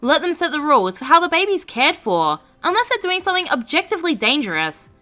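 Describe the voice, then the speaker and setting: A woman narrator reading online stories aloud and adding sarcastic, expressive commentary. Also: high-pitched, fast.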